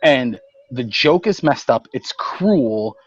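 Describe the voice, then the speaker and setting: A man co-hosting a casual roundtable podcast, retelling comic book plots in animated detail. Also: mid-range voice, slow, slightly rough, no room sound, muffled recording. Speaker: podcast co-host.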